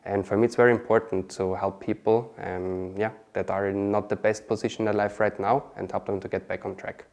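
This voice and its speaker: A man's voice: on the low side, little pitch movement, a little fast, creaky, few pauses, darkish tone. A man from Austria, a marketing specialist chatting as an interview guest, often adding "okay?" and "you know". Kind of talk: casual interview answers.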